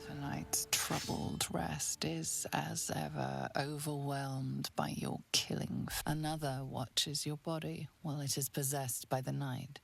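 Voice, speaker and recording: An actor playing an ominous storyteller of dark dreams in a video game, narrating in a hushed, measured way. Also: male voice, medium pitch, fairly even intonation, vocal fry.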